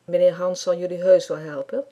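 A woman's voice: on the low side, little pitch movement, fairly quick, warm tone, lo-fi sound, close to an everyday voice. A woman voicing a kind father who reassures his son. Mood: reassuring.

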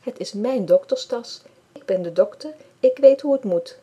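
Woman voicing bossy little girl, boastful, mellow breathy voice. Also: on the high side, animated, normal speed, pitched above the performer's own voice.

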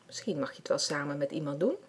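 A woman's voice: deep voice, lively intonation, fast talker, husky, pitched below the performer's own voice. Woman doing a kind, reassuring dad.

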